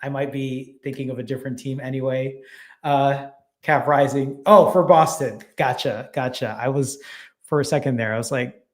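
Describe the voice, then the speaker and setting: A man's voice: mid-range voice, steady tone, moderate pace. A man, casually hosting a live stream, reading viewer comments and thanking people by name, a little out of breath. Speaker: fasting channel host.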